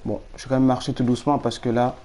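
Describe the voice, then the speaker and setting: A man commentating a horror game live, nervous and jittery, repeating words when scared, his voice going hoarse. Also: medium pitch, flat delivery, fast talker, dark tone, slight background noise. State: losing his voice.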